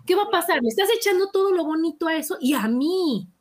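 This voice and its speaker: A woman's voice: extremely high pitch, expressive, quick pace. A woman in casual conversation, talking animatedly and acting out the voices of the people she quotes. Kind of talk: casual chat.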